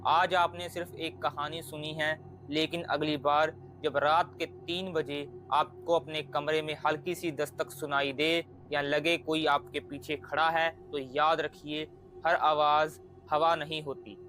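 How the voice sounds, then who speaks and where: A man narrates a scripted horror tale in a hushed, suspenseful way. His voice sits a little high for a man, and he lets every phrase stretch out slowly to build dread. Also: flat delivery, poor audio. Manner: slow, hushed, suspenseful delivery. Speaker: horror story narrator and channel host.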